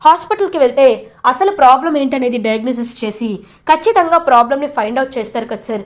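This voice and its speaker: A woman voicing an earnest young woman who pleads quickly. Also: high-pitched, animated. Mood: pleading.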